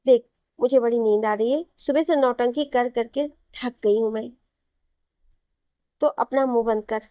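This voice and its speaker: Cheeky spoilt young bride, read by a woman narrator in an audio story, fairly high and mellow, close and dry. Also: unhurried, no room sound, natural voice. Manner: teasing, cheeky retorts. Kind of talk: Hindi audio novel reading.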